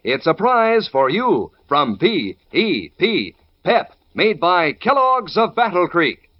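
A man's voice: high voice, sing-song, slow pace. An American man delivering a chatty, folksy 1940s radio advertisement as the sponsor's announcer. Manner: chatty, salesmanlike. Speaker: commercial announcer. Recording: dull old radio broadcast recording.

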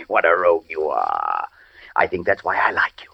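An actor playing a fat, sly, greedy master villain in a 1940s radio drama, husky and chuckling. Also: male voice, low-pitched, sing-song, normal speed, exaggerated voice. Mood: sly, amused. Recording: dull lo-fi 1940s radio recording.

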